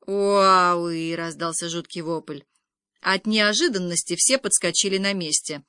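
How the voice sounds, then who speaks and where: A woman reading a comic novel aloud in lively first-person storytelling, doing the voices of the characters. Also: fairly low pitch, normal speed, no echo, clean studio sound. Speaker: audiobook reader.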